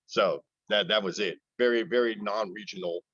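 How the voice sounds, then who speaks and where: A man speaking as a panel guest in casual discussion, relaxed and often repeating words as he thinks. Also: on the low side, normal speed, breathy edge, no room sound, lo-fi sound.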